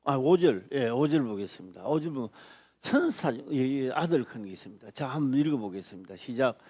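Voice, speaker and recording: A man preaching a sermon as a pastor, speaking emphatically with repeated phrases and sudden loud stress. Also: mid-range voice, animated, brisk, breathy edge, no room sound. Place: church.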